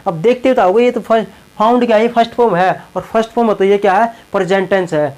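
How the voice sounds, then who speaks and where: High-voiced male teacher, repetitive. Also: fairly even intonation, fast, darkish tone, poor audio. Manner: repeats words and tags lines with a check-in phrase. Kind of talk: classroom lesson explaining English verbs in Hindi.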